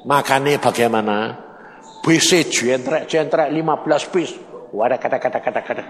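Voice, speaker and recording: A man in his seventies with a Javanese accent preaching a storytelling sermon, dropping to low asides and then rising to shouted declarations. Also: moderate pace, long reverb tail. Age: 70s.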